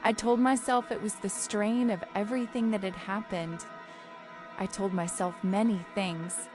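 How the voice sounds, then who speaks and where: A woman plays a troubled but determined young diarist in a horror drama. She confides with restraint in a mid-pitched voice, with music clearly heard behind her. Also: fairly even intonation, measured pace, close to an everyday voice. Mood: uneasy, regretful. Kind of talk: horror audio drama monologue.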